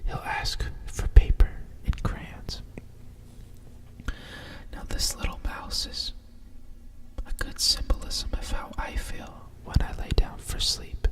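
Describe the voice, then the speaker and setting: A fully whispered ASMR voice, reading a bedtime story right in your ear. The delivery is slow, soft and breathy, with soothing asides between the lines of the picture book. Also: distant mic, poor audio.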